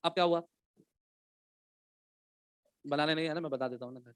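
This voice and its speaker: A man lectures a chemistry class in a crisp, resonant voice. He pitches it high and keeps firing questions at the students. The sound is dry and close. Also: no echo. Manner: lively, calls out questions to students and dictates slowly. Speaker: chemistry teacher.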